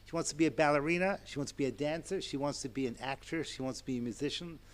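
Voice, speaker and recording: A man in his sixties giving a Torah lecture to an audience, animated and chatty, with asides and chuckles. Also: on the high side, fast. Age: 60s. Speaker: rabbi and lecturer.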